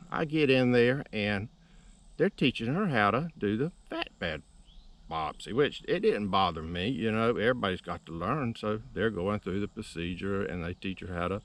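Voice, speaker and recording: A man's voice: lowish voice, lively intonation, moderate pace. An older man with a Southern US accent, short of breath, telling a story casually in a folksy, rambling way. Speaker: video blogger living with cancer.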